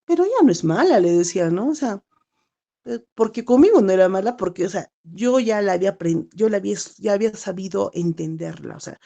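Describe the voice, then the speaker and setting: A middle-aged woman teacher, speaking to her class. Her voice is gravelly and mellow. She rambles, restarting her sentences and leaning on fillers. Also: mid-range voice, brisk. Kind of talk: classroom talk.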